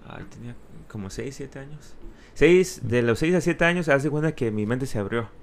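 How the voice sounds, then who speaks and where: A man tells personal stories casually, halting and restarting words, now and then slipping into Spanglish. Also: medium pitch, lively intonation. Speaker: interview guest.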